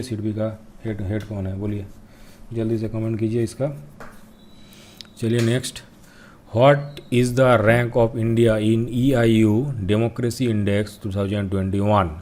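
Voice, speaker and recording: A young man teaching an exam-prep quiz lesson, repeating each answer and pressing viewers to comment quickly. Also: on the low side, dark tone, slight background noise. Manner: reads English questions out slowly. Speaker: current affairs teacher.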